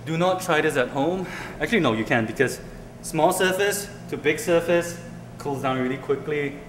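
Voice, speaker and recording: A man's voice: a little high, normal speed, reverberant, slight background noise. A young man from Singapore hosting a cooking show, chatting casually and hesitantly with many ums while he cooks in a large indoor kitchen, picked up by a camera some way off. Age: young adult.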